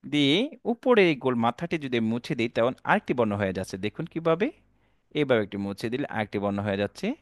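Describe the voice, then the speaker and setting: A male Quran teacher giving an online alphabet lesson, drawing out each letter slowly and asking viewers to repeat after him. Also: mid-range voice, expressive, dry recording, clean studio sound. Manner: slow, drawn-out letter recitation for viewers to repeat; patient, repetitive teaching.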